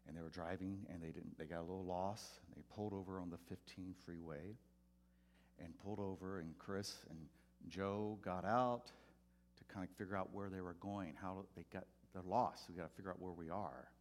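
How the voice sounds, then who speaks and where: A pastor delivers a sermon through a personal story, his voice sitting very low. He grows animated and loud as the story builds, and he acts out the voices of the people in it. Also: moderate pace.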